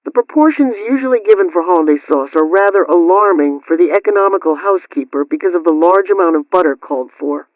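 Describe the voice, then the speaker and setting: This high-voiced man talks fast with few pauses, reading scripted household advice in radio-host style, question first, then answer. He sounds expressive while staying formal, instructional and precisely enunciated. No room sound comes through, though the overall quality is dull and lo-fi, like radio.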